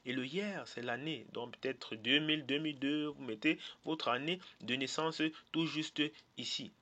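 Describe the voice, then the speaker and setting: A man from Cameroon, walking viewers step by step through an online form, reading English labels aloud and pausing on fillers. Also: medium pitch, pushed and bright, highs cut off. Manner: hesitant, many "euh" fillers, repeats points. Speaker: tutorial presenter. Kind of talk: screen-share walkthrough of an online form.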